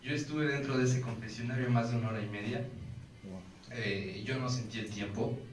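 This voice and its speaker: A man's voice: medium pitch, steady tone, normal speed, slight background noise. Mexican man telling his testimony. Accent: Mexican Spanish. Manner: intense storytelling, acts out quoted voices. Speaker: testimony speaker. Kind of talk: personal faith testimony. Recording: roomy, distant mic, faint ambience.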